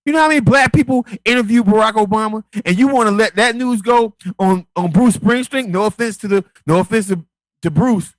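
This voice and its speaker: A man's voice: high-pitched, a little fast, no echo, low-quality recording. A man co-hosting a casual political chat show, ranting emphatically with lots of repetition. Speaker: co-host.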